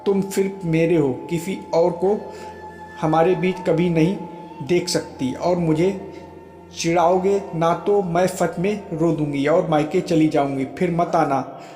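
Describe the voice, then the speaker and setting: A man voicing a young wife who is loving, emotional and quick to flare up at her teasing husband, in a storybook reading. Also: a little high, steady tone, dark tone, natural voice. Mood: indignant. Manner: emotional, pleading then playfully scolding. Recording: roomy echo with faint music.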